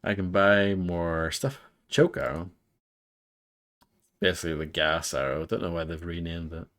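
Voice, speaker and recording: A man with a very low voice gives gameplay commentary. He talks casually, as a streamer does while playing. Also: a little slow, fairly bright tone. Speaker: game streamer. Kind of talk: casual gameplay commentary, reading game text aloud.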